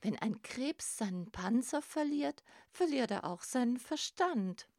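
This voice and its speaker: A woman's voice: on the high side, lively intonation, measured pace, darkish tone, no echo, studio quality, pitched above the performer's own voice. A woman voicing a cautious group of older crabs who warn insistently, in a storybook. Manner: warning, insistent.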